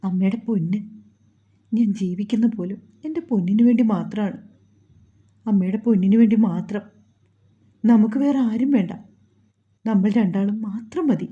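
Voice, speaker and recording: A woman voicing a young grieving new mother, talking softly with tearful reassurance. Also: mid-range voice, normal speed, pauses often, breathy edge, narrow, tinny audio, natural voice. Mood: tender.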